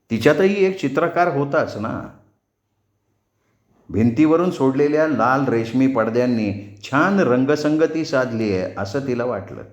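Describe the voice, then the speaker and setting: Slow, measured male storyteller. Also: mid-range voice. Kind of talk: audiobook narration of a novel. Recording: roomy echo.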